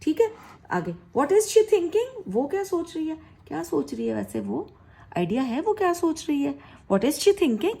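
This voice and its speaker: A woman's voice: high-pitched, big pitch swings, measured pace, vocal fry, mellow. A woman teaching spoken English, encouraging her learners and repeating example sentences with a questioning tone.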